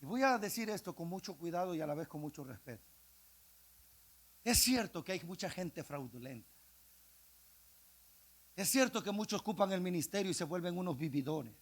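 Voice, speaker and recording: A male evangelist preaching a sermon, swinging from hushed speech to impassioned shouting. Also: high voice, expressive, normal speed, long pauses. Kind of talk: Pentecostal-style sermon.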